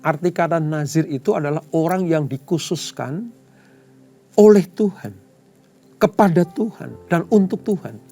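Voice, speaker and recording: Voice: medium pitch, lively intonation, measured pace, dark tone, faint music behind. A Bible study teacher reading and explaining scripture, often calling listeners "brother" and retelling the story with dramatic repetition.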